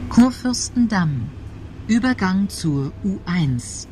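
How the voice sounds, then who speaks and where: A woman reading scripted station announcements as a transit announcer, in a formal, measured and clearly enunciated way. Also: mid-range voice, animated, warm tone, faint music behind.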